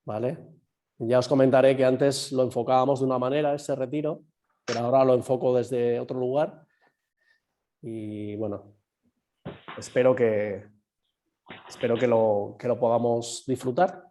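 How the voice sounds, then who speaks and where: Man, slightly hoarse, patient yoga teacher, video call mic. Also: medium pitch, steady tone, moderate pace, pauses often, warm tone, a little hiss or hum. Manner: explains patiently, quizzes students, many fillers. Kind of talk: online class lecture. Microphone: computer mic on a video call.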